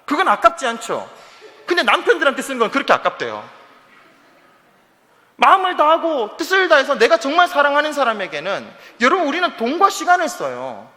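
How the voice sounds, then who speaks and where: High, animated pastor preaching in a reverberant hall. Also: male voice, fairly quick. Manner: lively, animated preaching with sudden drops to quiet asides. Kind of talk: sermon. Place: church sanctuary.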